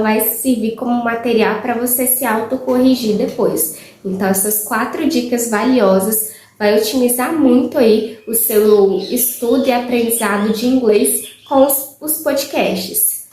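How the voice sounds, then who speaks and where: A woman's voice: a little high, darkish tone. Chatty woman teacher in an echoey room. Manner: chatty, frequent "né" fillers and "gente". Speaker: English teacher. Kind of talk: casual spoken tips to viewers.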